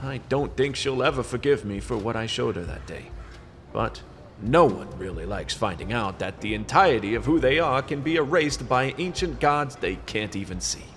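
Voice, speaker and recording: In a fantasy radio drama, a man plays a hard-boiled detective, delivering noir narration and dialogue at normal speed over faint music. His world-weary, knowing lines are brooding and deadpan yet swing widely in pitch, and the mood of the narration is brooding.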